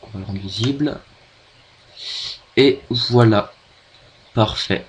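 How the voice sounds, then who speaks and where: A young French man with a French accent giving a hesitant, filler-heavy screen-recorded software tutorial at his computer. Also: mid-range voice, slow. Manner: hesitant, many fillers and restarts. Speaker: video tutorial maker.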